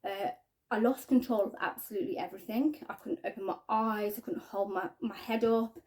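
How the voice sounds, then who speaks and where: A woman tells her own story straight to camera in a mellow, warm voice. She speaks haltingly and earnestly, often trailing off into quiet restarts. Her pitch sits in an ordinary middle range for a woman. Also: fairly even intonation. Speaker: spiking victim sharing her story. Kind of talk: personal testimony to camera.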